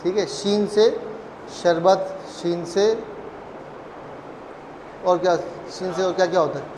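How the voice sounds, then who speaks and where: A man whose first language is Urdu talks his way through a language lesson. His voice sits high, and his manner is loose and chatty, with joking asides and plenty of fillers. The room sounds echoey, with a long reverb tail and a faint hum of ambience behind him. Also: slow pace. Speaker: German language teacher. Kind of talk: casual spoken lesson.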